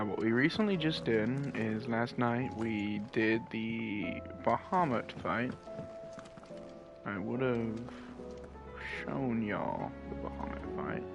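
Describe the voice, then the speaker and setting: A man's voice: mid-range voice, lo-fi sound. A man streaming a game late at night at home, talking in a laid-back, rambling, profane way close to the mic. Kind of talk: casual live game commentary. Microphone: close desk mic. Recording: mic with game music behind.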